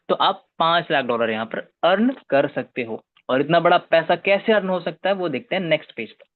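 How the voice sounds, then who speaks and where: A man presenting an investment plan, walking viewers through slides and often calling them "guys" or checking in with "okay". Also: fairly high pitch. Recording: tinny phone-like audio.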